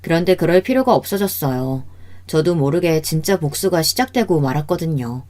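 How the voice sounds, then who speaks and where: Woman narrating a story, steady and measured. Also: low voice. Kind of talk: scripted first-person story narration.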